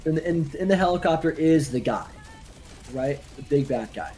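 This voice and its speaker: A young man in casual chat during a gaming stream, ranting in an animated, worked-up way. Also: fairly high pitch, normal speed, faint music behind.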